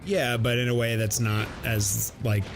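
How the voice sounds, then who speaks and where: A man casually chatting through a gameplay session. He rambles, restarts his thoughts and sprinkles "like" everywhere. Game music plays clearly behind him. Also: mid-range voice, little pitch movement, a little slow. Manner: rambling, heavy use of "like" fillers. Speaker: let's play host.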